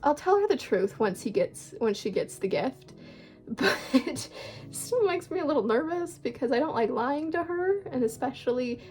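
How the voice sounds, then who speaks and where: Chatty young woman, slightly high voice. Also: lively intonation, normal speed, darkish tone, soft background music. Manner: chatty, rambling, frequent swearing and filler words. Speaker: book vlogger. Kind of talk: casual rambling storytime chat.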